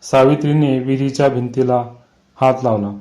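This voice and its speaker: A man narrating a scripted horror story in a measured, suspenseful way. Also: medium pitch, fairly even intonation, mellow, rough recording.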